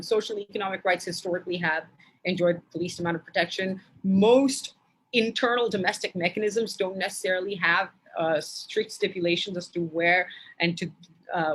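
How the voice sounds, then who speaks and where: A woman from Bangladesh giving an academic lecture in a measured way, with frequent hesitation fillers. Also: on the low side, fairly bright tone, breathy edge, low-quality recording.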